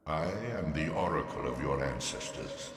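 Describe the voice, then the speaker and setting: Ancient, cavernously echoing oracle god. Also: male voice, very deep voice, a bit bright. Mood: ominous, prophetic. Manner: grandiose, portentous, drawn-out delivery. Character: ancient male oracle, an elder god, solemn and ominous. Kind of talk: theatrical video game voice acting. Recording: cavernous echo with long reverb, music.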